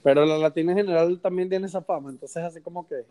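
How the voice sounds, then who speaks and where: High-voiced ranting Venezuelan man. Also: fast talker, warm tone. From Ciudad Guayana, Venezuela. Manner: indignant, ranting, crude slang. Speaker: podcast co-host. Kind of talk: casual chat.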